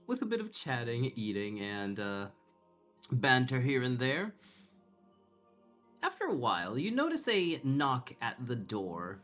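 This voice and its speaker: A man working as game master, narrating an online tabletop game in a halting, casual, conversational way. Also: mid-range voice, wildly swooping pitch, a bit bright. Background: background music.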